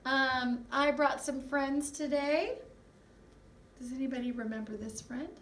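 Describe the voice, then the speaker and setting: A woman music teacher giving an online lesson to first graders, animated and sing-song as she chats with them and brings out puppets. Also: on the high side, roomy sound, distant mic.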